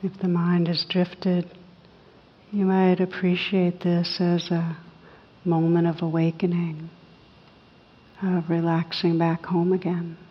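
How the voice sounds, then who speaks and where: Female meditation guide: low, very even, husky voice, soothing and unhurried, muffled recording in a reverberant hall. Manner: soothing, unhurried, with long pauses between short phrases. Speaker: meditation teacher.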